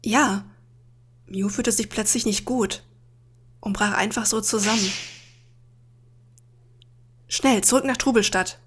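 A woman playing a video game and reading all of its dialogue aloud in her own voice, with dramatic, expressive delivery. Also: mid-range voice, unhurried, long pauses, slightly rough. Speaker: Let's Play gamer.

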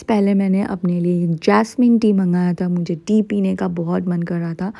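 This is casual vlog narration from a young woman who reviews food, her gravelly, mellow voice sitting in the mid range. Chatty and switching between Hindi and English, she slows right down for English phrases. She records dry audio on a phone at arm's length, outdoors along a tree-lined road and later in a cafe.

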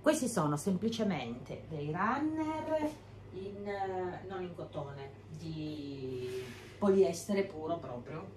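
A woman's voice: lowish voice, sing-song, slow pace, a little mellow, slight background noise. A middle-aged woman vlogging at home, chatting to a camera across the room about cheap buys and their prices. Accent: Italian. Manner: chatty, explaining purchases and prices. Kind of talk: casual chat to camera. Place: bedroom at home, indoors. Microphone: camera on a stand across the room. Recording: echoey room.

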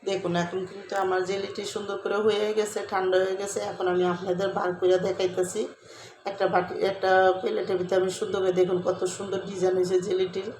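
A hoarse woman talks viewers through a cooking demonstration, chatty and repetitive, often asking them to look. Her voice stays fairly flat. The sound is roomy and echoey, with a faint hum of ambience behind her. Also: mid-range voice, quick pace. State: hoarse from a cold. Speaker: cooking vlogger. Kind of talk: casual step-by-step cooking demonstration.

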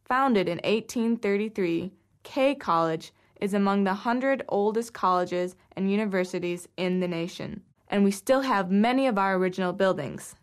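A woman's voice: mid-range voice, moderate pace, few pauses, lightly acted. A woman playing an institutional greeter, reading scripted announcements in a formal manner. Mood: polite, official. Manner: formal, clearly scripted delivery. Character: institutional greeter: bank phone menu, college admissions guide. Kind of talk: scripted test-audio announcement.

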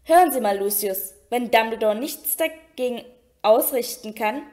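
A woman's voice: on the high side, animated, moderate pace, a little mellow, natural voice. A woman voicing a nervous, fumbling middle-aged official in an audiobook reading. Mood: flustered.

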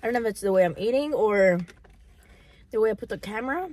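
A young adult woman talking informally to viewers during a mukbang in a parked car, unhurried and casual between bites of food. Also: mid-range voice, lively intonation, darkish tone. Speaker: mukbang vlogger. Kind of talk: casual chat to viewers while eating, mukbang.

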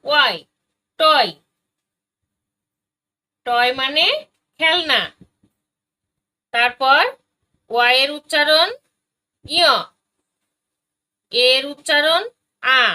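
A woman teaching a phonics lesson for young children, spelling out letters and sounds one by one with patient, deliberate delivery. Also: high-pitched, bright, forceful tone, low-quality recording.

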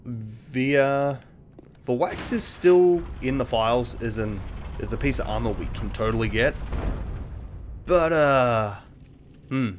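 A man's voice: medium pitch, lively intonation, takes it slowly, pauses often, a little hiss or hum. A man giving casual gameplay commentary as the host of a let's play, dry and self-mocking, with casual swearing.

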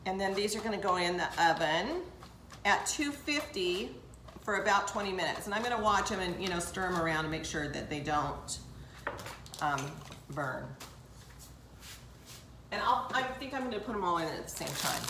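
A woman's voice: medium pitch, animated, normal speed, fairly bright tone, a little hiss or hum. Chatty older woman in an echoey kitchen. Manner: chatty, talks straight to viewers while working. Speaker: cooking show host. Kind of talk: casual cooking demonstration. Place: home kitchen, indoors.

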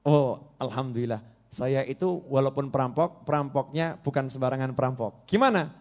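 A man's voice: medium pitch, moderate pace, voice pushed down, lightly acted. A man voicing a repentant male robber chief who confesses in a plain, matter-of-fact way.

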